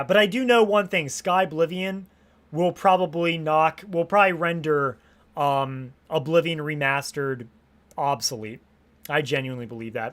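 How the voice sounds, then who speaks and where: A young man with a fairly high, slightly bright voice chats casually on a live stream, rambling, restarting sentences and swearing freely. He sounds a little hoarse after hours of streaming.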